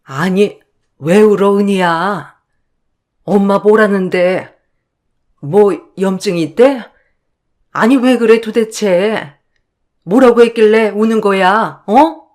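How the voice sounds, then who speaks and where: A woman's voice: medium pitch, slow, pauses often, a little mellow, natural voice. A woman voicing a selfish, callous middle-aged husband in a radio drama, grumbling and scornful. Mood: irritated.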